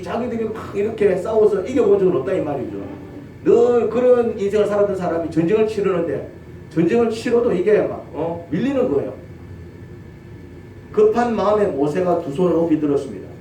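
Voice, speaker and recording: Man, Gyeongsang accent, pastor, animated sermon, mellow high voice, echoey room, faint noise. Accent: Gyeongsang Korean. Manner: animated storytelling, asks the congregation questions. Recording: roomy church audio from a distance, faint noise.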